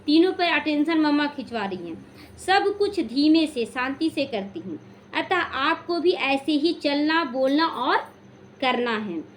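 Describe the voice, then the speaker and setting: Casting note: high-pitched woman, spiritual teacher, calm measured devotional talk, faint room noise. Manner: slow, calm, instructive, with restarts and stories.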